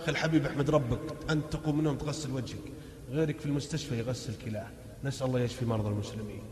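A man preaching a fervent sermon, switching between loud exhortation and hushed warnings and chanting verses, recorded in a large hall or mosque. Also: mid-range voice, racing. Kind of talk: impassioned sermon. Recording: echoey hall, long reverb.

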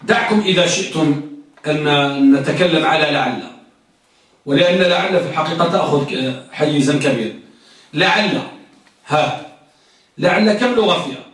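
Guy teaching grammar class, quizzes the kids and repeats stuff, high voice, far off mic in a really echoey room. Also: moderate pace, long pauses, fairly bright tone. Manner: quizzes students, repeats and drills points. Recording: echoey classroom recorded from afar.

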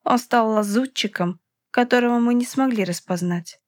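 A woman's voice: on the high side, moderate pace, no echo, studio quality. Woman reading a fantasy audiobook. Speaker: audiobook reader. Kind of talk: first-person fantasy audiobook narration.

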